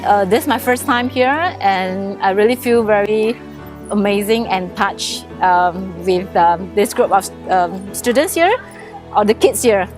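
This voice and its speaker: A woman's voice: medium pitch, unhurried, darkish tone. Earnest woman from Singapore, faint music. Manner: earnest, hesitant with fillers. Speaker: volunteer giving a testimonial.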